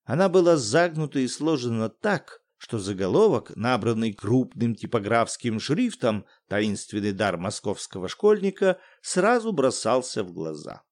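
A man's voice: mid-range voice, sing-song, normal speed, few pauses. A man narrating an audiobook with dramatic storyteller delivery.

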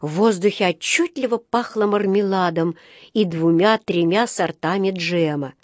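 A woman's voice: medium pitch, no room sound, clean studio sound. Woman narrating a storybook. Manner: expressive, voices each character. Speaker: audiobook reader.

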